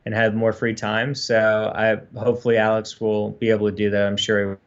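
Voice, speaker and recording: A man's voice: lowish voice, monotone, normal speed, muffled recording. A man co-hosting a casual livestream chat, rambling earnestly with many fillers. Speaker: co-host.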